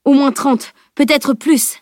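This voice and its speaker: A woman's voice: sits high, slow pace, darkish tone, dry recording, clean studio sound, voice pushed up. A woman reading the lines of a hesitant young man in an audiobook. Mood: breathless. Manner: breathless, hesitant.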